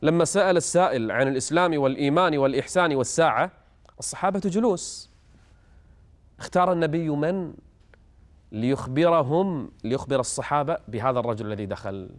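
A man's voice: fairly high pitch, expressive, quick pace, long pauses. A man hosting a religious programme, telling stories and teaching in a scripted lecture style, in formal standard Arabic.

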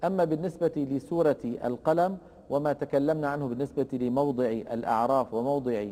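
A man teaching Quran recitation rules, explaining slowly and deliberately and chanting the verse examples in a drawn-out way. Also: mid-range voice, mellow, big-room sound. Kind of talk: tajweed lesson with recited examples.

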